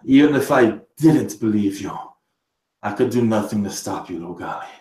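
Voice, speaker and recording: A nervous court vizier, put on by a man, who pleads and stammers when cornered. His voice sits low, and it rings in a roomy space. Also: expressive, moderate pace, darkish tone, close to an everyday voice. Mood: pleading. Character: anxious scheming male court vizier.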